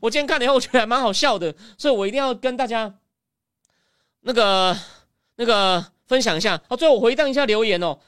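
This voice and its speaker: A woman's voice: fairly high pitch, quick pace, smooth, dry recording, studio quality. A woman host with a Taiwanese Mandarin accent giving chatty political commentary, stretching particles and restarting her sentences often.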